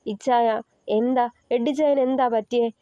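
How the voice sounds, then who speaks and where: A woman's voice: on the high side, steady tone, a little slow, mellow, clean tone, dry recording, lo-fi sound, natural voice. A woman voicing a frightened young wife who pleads with stammering, tearful words, in an audio novel. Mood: worried.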